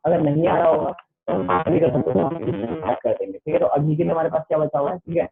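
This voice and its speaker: Tinny-sounding tutor, rambling online class. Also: male voice, fairly high pitch, lively intonation, quick pace, vocal fry, over music. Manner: repeats "ठीक है" constantly, loose and rambling. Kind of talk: casual online class talk. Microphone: online class call. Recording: tinny phone-line audio.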